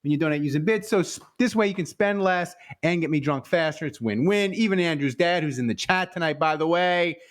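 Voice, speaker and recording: A man's voice: on the high side, a little fast, few pauses. Male stream host with a raised voice and a teasing, self-mocking manner. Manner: joking, self-mocking banter. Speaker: show host. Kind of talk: casual live-stream chat.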